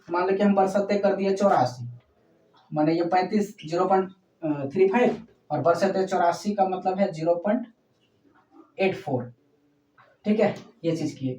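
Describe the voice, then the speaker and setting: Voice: medium pitch, warm tone. A math teacher working through a problem step by step, checking in with the class after every point. The voice sits in a roomy, echoing space and is heard from some distance from the mic. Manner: explains slowly, often checks in with "okay?"; addresses students fondly as "child". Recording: echoey room, voice far from mic.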